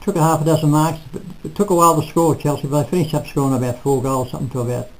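An older man reviewing a local football match in casual, halting talk full of restarts, recorded on a close webcam in a small room. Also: fairly high pitch, fairly even intonation, slight background noise, rough recording. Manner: rambling, halting, self-correcting. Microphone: webcam at close range.

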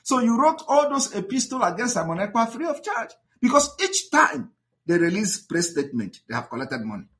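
Man, Nigerian accent, impassioned monologue, bright tense voice, high pitch. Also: big pitch swings, a little fast. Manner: combative, mocking, repetitive rhetorical questions. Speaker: activist broadcaster.

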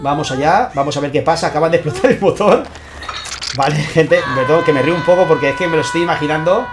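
A man with a Spain Spanish accent, hosting his channel and commentating a tournament match, excitable and constantly checking in with his viewers. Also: fairly high pitch, fast, noisy background. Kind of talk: gameplay commentary.

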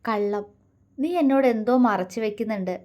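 A woman's voice: medium pitch, moderate pace, natural voice. A woman voicing a tender, protective young man who coaxes and comforts his lover. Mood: tender firm. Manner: soft, affectionate, coaxing.

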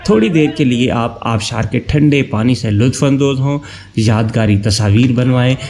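A man from Pakistan, giving a steady, informative travel-guide voice-over that lists places one by one. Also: medium pitch, moderate pace. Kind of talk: scripted travel narration.

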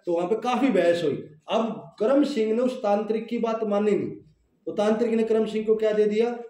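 A man's voice: high voice, steady tone, normal speed, warm tone. Man, business trainer, storytelling lecture, conversational, earthy humor, echoey hall. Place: seminar hall with audience.

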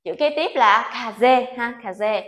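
A patient woman teacher walks students through an alphabet lesson, coaxing them and checking in after every few sounds. Her voice sits a little high, and the room around her rings with echo. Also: slow, fairly bright tone. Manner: patient, coaxing, checks in with "được chưa?" often. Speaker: Japanese language teacher. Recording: echoey room.

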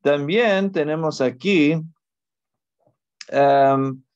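A male teacher walks through a grammar point at an unhurried pace, often pausing to check in. His voice sits at a middle pitch, and the recording sounds a little muffled. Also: a little mellow, clean tone. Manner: patient explaining, often checks in with "ok?". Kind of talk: language lesson.

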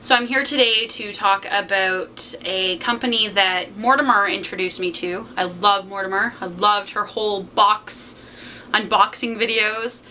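Bright-voiced young Canadian woman, keeping quiet. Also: mid-range voice, fairly even intonation, a little slow. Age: 20s. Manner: keeping fairly quiet at night while someone sleeps nearby. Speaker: vlogger. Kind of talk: casual unboxing and review chat. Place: small home room, indoors. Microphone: camera mic a short distance away. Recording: home camera recording with faint background noise.

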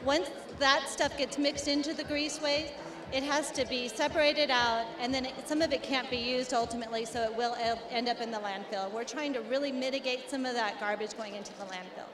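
Fairly quick and high-pitched, with a steady tone, a middle-aged woman earnestly describes her company's work to an interviewer holding a handheld mic, restarting her sentences again and again. They stand before a backdrop in an indoor expo hall that echoes with the crowd.

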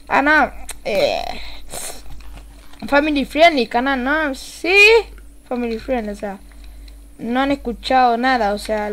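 A young woman with an Argentine accent streams her gameplay live, her voice pitched high and bright. She talks excitably, drops low to mutter and then bursts into yells, and swears casually. A faint hiss sits under her voice. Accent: Argentine Spanish. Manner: excitable, swings from mutters to yelling.

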